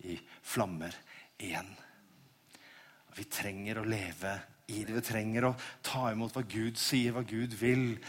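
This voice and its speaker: A middle-aged man delivers a sermon to his congregation in a relaxed, conversational manner. He often lowers his voice to a hushed near-whisper for intimate points. His voice carries a long reverb from a large church hall. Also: slightly rough. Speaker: pastor.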